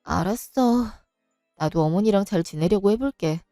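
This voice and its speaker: A woman's voice: medium pitch, normal speed, warm tone, no room sound, clean studio sound, soft background music. Woman narrating a storybook drama. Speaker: narrator voicing all roles, as the wife.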